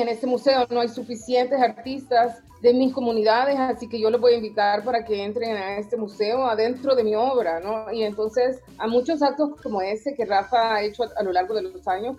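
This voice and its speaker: The recording has a somewhat dull, lo-fi quality. In it, a woman from El Salvador who works as a professor and artist gives careful, sincere interview answers with the odd restart, her medium-pitched voice leaning a little mellow.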